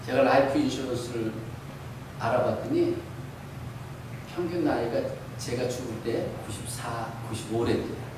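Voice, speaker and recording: Man preaching in an echoey hall. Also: medium pitch. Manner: earnest exhortation, reading a quoted letter aloud. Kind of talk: graduation sermon. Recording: echoey hall, mic far off, faint noise.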